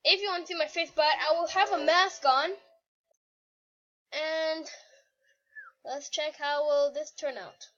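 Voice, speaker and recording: A woman's voice: sits high, steady tone, unhurried, long pauses, a bit bright. A woman hosting a casual gaming video, rambling and joking in slangy talk. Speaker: channel host. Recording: muffled lo-fi recording.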